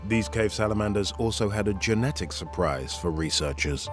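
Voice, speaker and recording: A man delivers scripted documentary narration in the manner of a nature film. His voice sits on the low side, and music plays clearly behind him. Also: expressive, moderate pace. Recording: music under the voice. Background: prominent background music.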